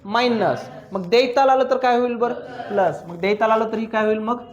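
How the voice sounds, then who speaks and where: A man teaching accounts in a classroom, with a high-pitched voice. He keeps firing questions at the students and pulls their answers out of them. His delivery is teasing and full of drills. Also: brisk, lo-fi sound. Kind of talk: classroom lecture.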